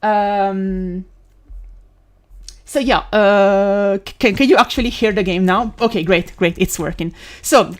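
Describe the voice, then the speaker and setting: Her mid-range voice has fairly even intonation as she chats casually during a gaming live stream. An Italian native speaker, she rambles along with lots of fillers, restarts and quick bursts of laughter.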